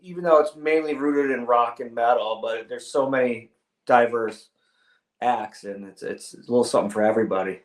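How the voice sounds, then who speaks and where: A man speaks as a musician being interviewed, in a relaxed, conversational style. His voice is mid-pitched. The room adds clear echo around it. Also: normal speed. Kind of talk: casual interview chat. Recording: roomy, echoing sound.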